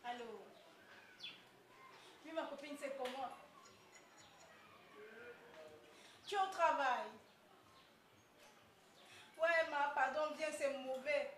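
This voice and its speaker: A woman's voice: high voice, slow, long pauses, fairly bright tone. A woman playing a pleading, complaining daughter. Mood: urgent. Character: aggrieved young daughter disowned by her father. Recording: echoey, distant, with background noise.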